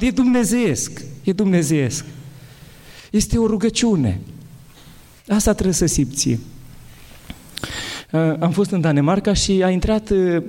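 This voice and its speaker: A man, an Orthodox bishop, giving a spiritual talk and answering questions in an animated, halting way with many restarts. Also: a little high, in a large hall.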